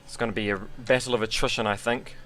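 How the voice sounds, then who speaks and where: A man's voice: medium pitch, fairly even intonation, quick pace, fairly bright tone, a little hiss or hum. A man giving casual, rambling and self-deprecating commentary while sim racing.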